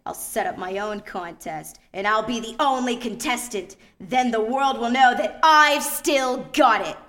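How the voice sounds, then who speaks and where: A woman's voice: a little high, a little slow, a bit bright. A woman voicing a vain, scheming middle-aged female skate crime boss in a comedic radio play, theatrical and grandiose. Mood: boastful.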